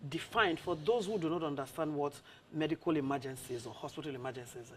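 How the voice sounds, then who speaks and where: A woman with a Nigerian accent, a talk show host interviewing a guest in an animated way and telling personal stories. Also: low voice, fast talker, a little hiss or hum.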